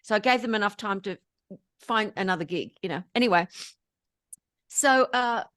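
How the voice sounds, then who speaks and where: An Australian woman telling lively stories as an interview guest, often laughing between anecdotes. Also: medium pitch, moderate pace, no room sound, studio quality. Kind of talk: storytelling in casual interview chat.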